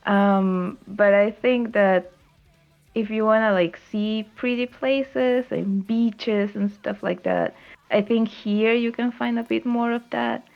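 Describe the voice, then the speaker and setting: A woman's voice: medium pitch, fairly even intonation, takes it slowly, creaky. A woman from Venezuela, a guest on a casual podcast, speaking cheerfully and easily with laughs between sentences. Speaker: podcast guest, video editor. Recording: muffled lo-fi mic with faint music.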